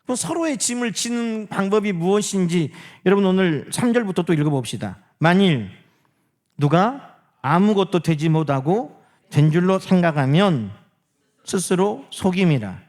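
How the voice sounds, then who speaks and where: Man preaching, swinging loud to hushed. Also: high-pitched, animated, moderate pace. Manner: preaching with rhetorical questions to the congregation; swings from loud emphasis to hushed near-whispers. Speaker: pastor. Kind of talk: sermon.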